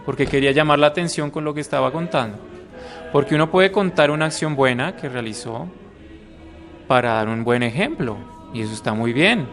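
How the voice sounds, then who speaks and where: A priest gives a conversational catechism lesson to adults, often checking in with his listeners. His voice sits at a middle pitch for a man. Faint music lies under the recording. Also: fairly bright tone. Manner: conversational, acts out little quoted voices, asks "¿mm?" often. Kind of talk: catechism class talk. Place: room with a live audience.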